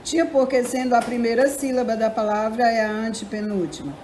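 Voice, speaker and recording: Woman teacher doing a confused little brazilian kid asking the teacher stuff, high voice. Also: steady tone, a little fast, a little mellow, a little hiss or hum, lightly acted. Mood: puzzled. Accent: Brazilian Portuguese. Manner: puzzled questioning. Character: young schoolchild asking the teacher.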